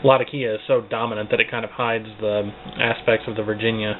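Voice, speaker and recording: A man's voice: on the low side, level tone, fairly quick. A man giving a casual spoken product review, hesitant and searching for words as he goes. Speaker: pipe tobacco reviewer. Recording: tinny, phone-like band, clearly noisy.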